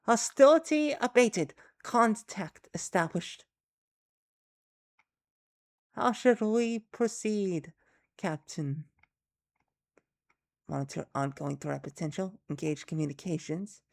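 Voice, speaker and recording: A woman's voice: lowish voice, slow, vocal fry, pauses often. A woman voicing an elegant alien heard over a radio, speaking in clipped, formal commands.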